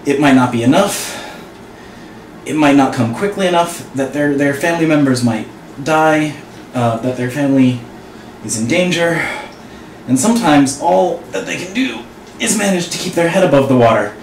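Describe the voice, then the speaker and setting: A man's voice: on the high side, animated, moderate pace, far from the mic. Shivering man in an echoey bathroom. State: shivering, breath strained from sitting in ice water. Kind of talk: earnest monologue to camera. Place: small tiled bathroom, sitting in bathtub. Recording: echoey bathroom with clear background noise.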